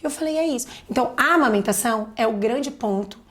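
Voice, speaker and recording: A woman's voice: on the high side, fast, fairly bright tone. A woman in her thirties with a Brazilian Portuguese accent, a pediatrician guest speaking candidly and expressively in a casual podcast conversation.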